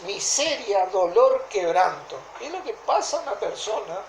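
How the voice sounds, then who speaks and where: A woman with a Rioplatense Argentine accent preaching a sermon in a deliberate way, often stopping to ask whether listeners follow. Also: mid-range voice, sing-song, vocal fry, a little hiss or hum. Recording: echoey room.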